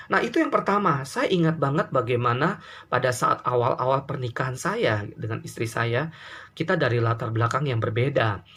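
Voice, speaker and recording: A middle-aged man from Indonesia preaches a sermon with a husky, slightly breathy voice. He tells everyday stories and turns often to address the congregation directly. His pitch sits in a middle range. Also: expressive, normal speed, fairly bright tone. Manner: storytelling, addresses congregation directly, frequent fillers. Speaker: pastor.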